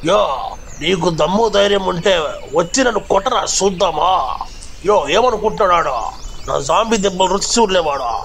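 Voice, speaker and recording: Cocky cartoon zombie, high gravelly voice, all dares and taunts, bit of hiss behind. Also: male voice, fairly quick, a bit bright. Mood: taunting. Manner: taunting, calls challenges. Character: brash boastful male zombie bully. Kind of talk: cartoon voice acting.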